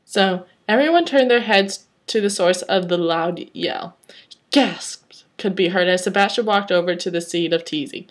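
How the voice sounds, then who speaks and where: A woman's voice: lowish voice, normal speed. A woman reading fanfiction aloud, breaking off into chatty, wry commentary. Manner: chatty, rambling asides, wry. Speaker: reader.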